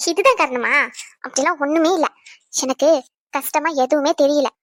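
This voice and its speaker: A woman playing a high-voiced, chatty young wife. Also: expressive, fairly quick, no echo, clean studio sound. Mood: tender, reassuring. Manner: chatty, fussing, tender. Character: caring young pregnant wife, chatty and affectionate. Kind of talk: Tamil audio drama acting.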